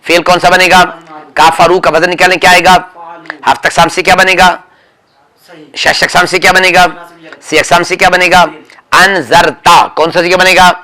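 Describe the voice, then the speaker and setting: A man's voice: high voice, fairly even intonation, normal speed, pauses often, bright, forceful tone. Firm male teacher drilling grammar. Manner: firm, repetitive corrections, calls on students by name. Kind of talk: drilling students in a grammar lesson.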